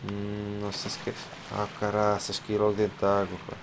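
Male let's-player, European Portuguese accent, jumpy and chatty, game sounds clearly audible under the voice. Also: fairly low pitch, brisk. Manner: excitable, yelps and swears at jump scares, mutters to himself. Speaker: gamer playing a horror game. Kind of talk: let's play commentary. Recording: clear game noise behind voice.

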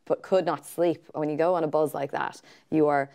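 An Irish woman in her thirties, a TV presenter chatting on a studio sofa in an interview, telling stories with lively acted quotes. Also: low-pitched, moderate pace, creaky. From Ireland. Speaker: guest presenter. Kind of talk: casual interview chat. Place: small studio set with sofas.

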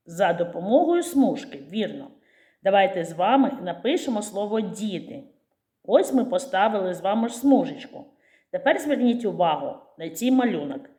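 Speaking slowly and clearly in a sing-song manner, a Ukrainian-accented woman teaches a preschool literacy lesson to small children. Her pitch is medium and her tone dark.

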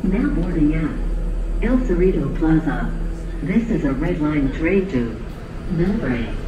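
An automated transit announcement played over a train's loudspeaker, in slow, clipped, evenly spaced phrases. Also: mid-range voice, sing-song, distant mic, muffled recording. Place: inside a moving rapid transit train car. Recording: echoey loudspeaker heard from afar over loud train noise.

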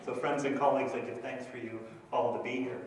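A middle-aged Canadian minister presents a graduate project with a scripture reading, standing in a church sanctuary before a projector screen with a handheld microphone. His medium-pitched voice is brisk and fairly monotone, hesitant and full of fillers. A far camera captures the echoey church, with a little hiss or hum.

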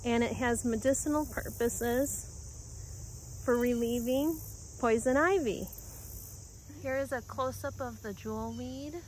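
A woman calmly narrating a walk through her woods, pausing often as she points out plants and animals. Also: fairly high pitch, a little hiss or hum, low-quality recording. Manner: calm, unhurried, pausing often. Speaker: homestead vlogger. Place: outdoors in woods by a creek. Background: faint insects and outdoor ambience.

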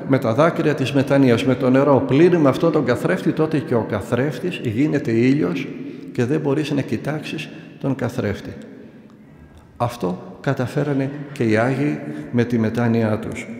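A gravelly older male monk gives a calm sermon and tells stories in a measured voice, pausing often. His voice rings in a roomy hall with a long reverb tail. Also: mid-range voice. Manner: calm storytelling teaching, paced with pauses. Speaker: monastic elder.

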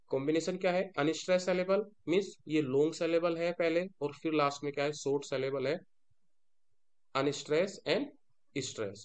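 Man, Indian accent, teacher, lecture style, somewhat high voice, asks and answers own questions. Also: a little mellow. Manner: mixes Hindi with English terms, asks and answers own questions.

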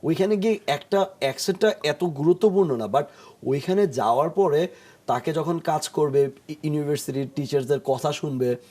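A man speaks as a guest in a television studio, explaining pronunciation with patient, halting phrasing. His voice sits a little high for a man, with a soft, mellow tone. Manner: explains patiently, acts out jokes in English, many hesitation sounds. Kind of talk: explanatory talk-show conversation.

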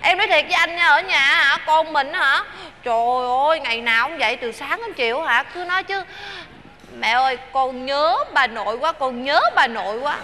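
Anxious young village woman,: very high, bright, pleading. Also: normal speed, in a large hall, a little hiss or hum. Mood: coaxing. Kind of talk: stage comedy acting.

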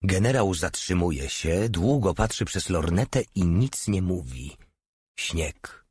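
Male narrator, low husky voice, dry close recording, performs the dialogue lines with lifted pitch. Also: lively intonation, takes it slowly, a little mellow, no room sound. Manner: acts out the characters' lines with raised pitch. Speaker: audiobook narrator. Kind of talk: scripted audiobook narration.

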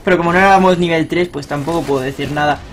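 A young man talks through his own match as he plays. His voice sits high for a man and jumps up in loud bursts of cheering, then drops back to quick, muttered analysis. A faint hiss of background noise runs under the talk. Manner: excitable, swears and shouts on big plays. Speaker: gaming streamer. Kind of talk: live gameplay commentary.

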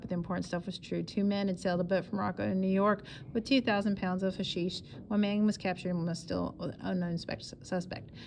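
A woman's voice: medium pitch, vocal fry, darkish tone, slight background noise. A woman reading a first-person memoir aloud in a plain, matter-of-fact way. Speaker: audiobook reader.

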